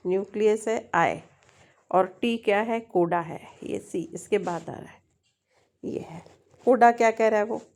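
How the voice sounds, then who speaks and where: A woman with an Indian accent walks her students through a linguistics lesson at an unhurried pace, her voice at a middle pitch. She reads English definitions word by word, then explains them in Hindi. She keeps checking that they are following her. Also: darkish tone. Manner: slow, deliberate reading of English definitions; frequent checking tag questions. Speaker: linguistics tutor.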